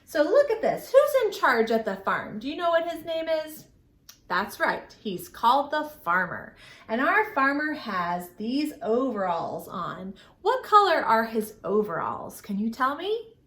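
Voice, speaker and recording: Speaking a little slowly in a high-sitting voice, a woman runs a children's storytime. She asks questions and teaches with simple, encouraging, exaggerated phrases and an animated, sing-song delivery, and the indoor recording echoes.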